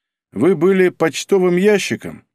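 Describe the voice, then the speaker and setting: Brief: stern, measured militia major, voiced by a man, firm and insistent, lively delivery. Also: high voice, no echo, studio quality, voice pushed up. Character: calm stern male militia major, investigator. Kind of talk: audiobook character voice.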